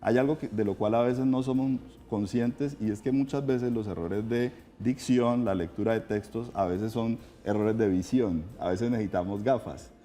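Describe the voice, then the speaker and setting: A man with a low, mellow voice explains diction in a calm, measured, teacherly way. He talks in a morning TV studio. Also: slight background noise. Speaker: voice coach guest on a morning show.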